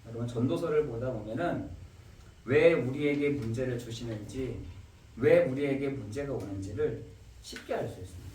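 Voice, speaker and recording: A man preaching a sermon as pastor, acting out pleading questions with lively delivery. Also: mid-range voice, moderate pace, a little hiss or hum. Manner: animated preaching, acts out questions to God. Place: church sanctuary. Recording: echoey church hall, mic at a distance.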